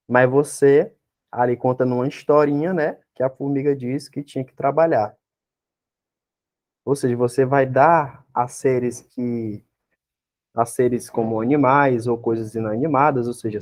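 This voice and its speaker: A Brazilian man gives an exam-prep lecture in a mellow, warm voice at a middle pitch. He works through each point patiently and keeps asking his class questions to check that they are following. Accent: Brazilian Portuguese. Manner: explains step by step, constantly checks in with tag questions and rhetorical questions. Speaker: teacher.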